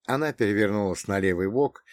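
A man's voice: mid-range voice, animated, normal speed, dry recording. A man narrating a first-person story with wry, ironic asides. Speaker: audiobook narrator.

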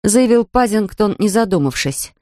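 A man narrating a children's story audiobook in a calm, even storytelling manner. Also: high-pitched, moderate pace, no room sound, clean studio sound.

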